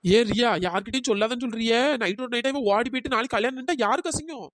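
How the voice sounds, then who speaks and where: Woman as gossipy village auntie, cartoon, high-pitched, quick, scolding. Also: dry recording, studio quality, natural voice. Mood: prying. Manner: bossy, prying, scolding.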